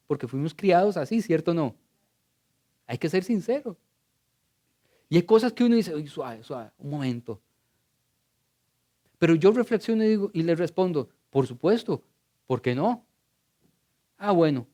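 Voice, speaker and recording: A middle-aged male pastor preaches a sermon in church, his voice a little high. He tells stories conversationally, swinging between loud and hushed delivery.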